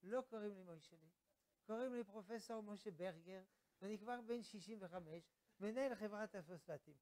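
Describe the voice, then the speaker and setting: A man's voice: sits high, a little mellow, natural voice. A man voicing an exasperated sixty-five-year-old son, a professor, protesting to his mother.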